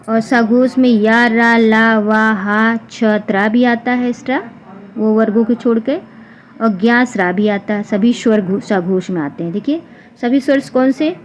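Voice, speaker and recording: A woman teacher explaining a grammar lesson for exam students, repeating example sounds slowly one by one. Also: a little high, darkish tone. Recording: dull lo-fi recording with faint noise.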